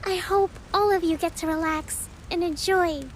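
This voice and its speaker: A woman playing a gentle, earnest young female leader in a video game, speaking softly and politely in measured phrases. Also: very high voice, fairly even intonation, a little hiss or hum, low-quality recording. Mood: solemn, rallying.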